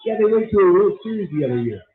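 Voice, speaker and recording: A man co-hosting a sports talk show argues his picks with emphatic conviction. His voice is a touch high. The sound is thin and tinny, like a phone line. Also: big pitch swings, racing. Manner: opinionated, emphatic. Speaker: sports radio co-host. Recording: tinny phone-like radio audio.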